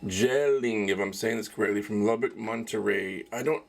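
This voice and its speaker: A man's voice: fairly low pitch, normal speed, vocal fry. A man hosting a casual solo sports talk show, rambling and opinionated, with lots of fillers and a habit of ending phrases with "man.". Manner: candid, opinionated commentary. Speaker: podcast host.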